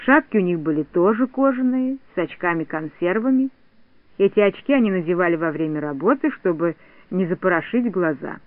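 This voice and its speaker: High, lively male storybook narrator. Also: no room sound. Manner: expressive, animated reading. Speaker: audiobook narrator. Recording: tinny phone-like dry sound.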